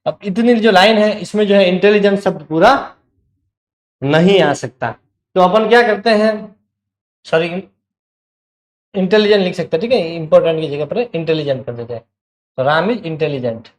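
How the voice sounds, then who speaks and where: Male teacher, high-pitched, patient step-by-step online lecture, roomy echo. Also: normal speed, long pauses. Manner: explains step by step, checks with the class.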